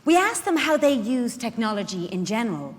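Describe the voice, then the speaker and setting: On a fairly high, very animated and brisk voice, a woman with an Irish accent performs a live dramatic monologue as a feisty, protective care worker. She sounds tender and explanatory, talking wryly and conversationally and putting rhetorical questions to the audience. It's a stage reading by an actor, recorded with heavy echo in a large indoor event hall.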